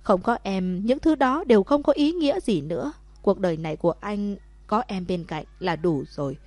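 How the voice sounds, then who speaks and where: A woman voicing a remorseful young husband who begs his wife loudly in a storybook. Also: medium pitch, animated, normal speed, dry recording, lightly acted. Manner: loud begging calls.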